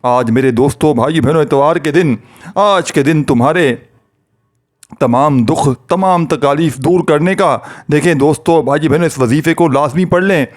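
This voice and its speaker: A man preaching in a fervent, pleading way, over and over calling out to his friends and listeners. His voice sits a little high for a man. He moves into an earnest prayer voice when he leads the blessing. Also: moderate pace. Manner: pleading, repetitive addresses to friends. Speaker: religious preacher. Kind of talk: devotional talk to viewers.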